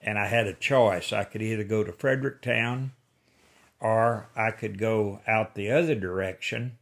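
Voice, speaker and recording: A man's voice: fairly low pitch, a bit bright. An elderly man in his eighties from the rural Missouri Ozarks, with an Ozark Appalachian-style accent, reminiscing in a folksy, plain-spoken storytelling way. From rural Missouri Ozarks, United States. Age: 80s. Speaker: interviewee. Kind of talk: oral history reminiscence.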